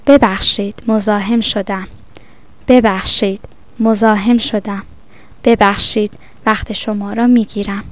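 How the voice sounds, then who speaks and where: A woman reading a vocabulary lesson, saying each word twice and then explaining it, in a measured, deliberate way. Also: mid-range voice, fairly even intonation, no room sound. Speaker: vocabulary teacher.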